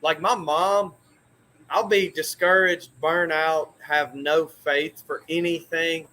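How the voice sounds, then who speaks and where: A young man, rambling through casual stories as the host, with many restarts and animated asides. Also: fairly high pitch, slow pace, poor audio. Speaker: coffee roaster host. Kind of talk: casual storytelling chat.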